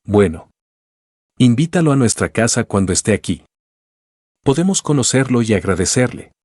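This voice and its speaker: A man's voice: medium pitch, sing-song, normal speed, a little mellow, no echo, clean studio sound. A man reading a proud, angry mother. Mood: scolding.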